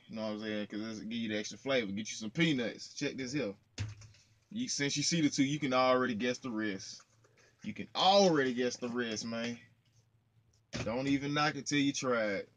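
Sitting in the small cab of his parked truck, a young man in his twenties chats with his viewers via a phone camera held close. His medium-pitched voice has a fairly bright tone, and his vlog talk is casual, playful and full of slang.

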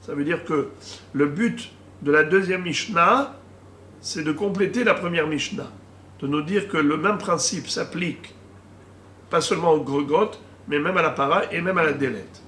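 A man, a rabbi, teaching a Talmud lesson, slowly reading out Hebrew and Aramaic terms and explaining each one. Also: on the high side, bright, forceful tone. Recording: echoey room with faint ambient noise.

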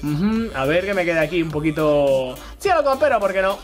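High-voiced excitable Spanish gamer. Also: male voice, normal speed, soft background music. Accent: Spain Spanish. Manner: excitable, chatty, taunts opponents. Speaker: gaming YouTuber. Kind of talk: live Minecraft PvP commentary.

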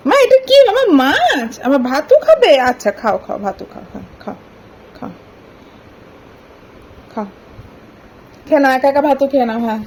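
Very high-pitched, lively coaxing mother. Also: normal speed, pauses often, slight background noise. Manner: coaxing, repetitive, sing-song toward a small child. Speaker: mother and vlogger. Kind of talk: casual home vlog, talking to her toddler. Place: home, indoors.

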